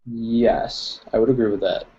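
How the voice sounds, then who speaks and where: A man's voice: fairly low pitch, fairly even intonation, a little slow, dark tone. A young man co-hosting a casual chat, talking in a loose, rambling way with many fillers. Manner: rambling, filler-heavy, laughing. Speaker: co-host. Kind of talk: casual chat about tabletop wargaming. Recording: dull lo-fi recording.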